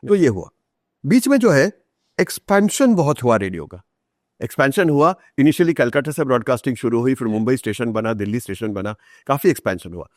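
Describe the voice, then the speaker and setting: A man with a mid-range, slightly mellow voice and wide pitch swings talks a little fast as an author interviewed on a podcast. The studio-quality audio has no room sound. With an Indian accent, he tells stories and explains things conversationally, acting out quoted lines and switching between Hindi and English.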